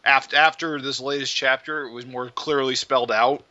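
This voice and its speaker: A man talking casually about comics on a podcast, giving brief replies and steady explanations. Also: medium pitch, normal speed, no echo, muffled recording.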